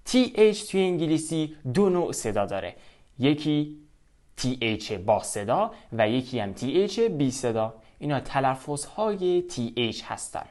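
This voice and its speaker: A man's voice: mid-range voice, very animated, darkish tone. A man with a Persian accent explaining English pronunciation step by step and repeating each sound. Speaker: pronunciation teacher.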